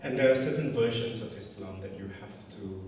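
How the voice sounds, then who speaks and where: Man, 40s, from Malaysia, reflective, candid, fairly low voice, far from the mic, echoey church hall, noisy. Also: a little fast, a little mellow. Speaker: director of a climate communications charity. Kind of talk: personal talk at an evening event. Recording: echoey hall, distant mic, audible noise.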